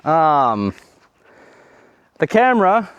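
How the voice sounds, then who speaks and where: Speaking a little high, very animated and drawing out his words, a young homestead vlogger rambles to his action camera outdoors in the snowy yard, slightly winded and scattering fillers and trailing asides. The tone is fairly bright and smooth, with no echo but the highs cut off.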